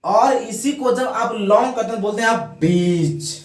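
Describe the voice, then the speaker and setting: A man's voice: very high-pitched, steady tone, normal speed, roomy sound, recorded from a distance. A man teaching English grammar in a classroom lesson. He puts questions to the students, answers them himself, and has them repeat words after him.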